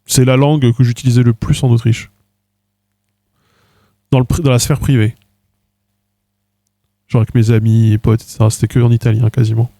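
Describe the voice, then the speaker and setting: A man's voice: medium pitch, little pitch movement, normal speed, gravelly, long pauses, mellow, no echo. A man from France in his thirties chatting casually on a livestream, trying out languages with hesitant fillers. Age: 30s. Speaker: streamer.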